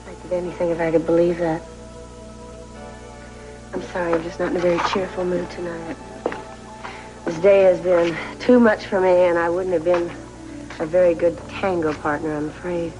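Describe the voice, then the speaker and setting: Actress as low-voiced, earnest soap opera woman. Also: level tone, moderate pace, long pauses, lightly acted, rough recording. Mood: downcast. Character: troubled, self-doubting woman in a romance. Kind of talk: television soap opera acting. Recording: background music under dialogue.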